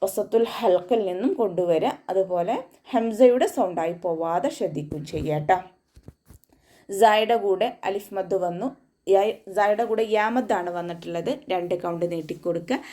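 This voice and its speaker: A woman teaching Quran recitation rules. She explains each rule patiently, repeats herself, and breaks into slow chanted sample phrases. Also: fairly low pitch, warm tone. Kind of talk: tajweed lesson, explaining then demonstrating recitation.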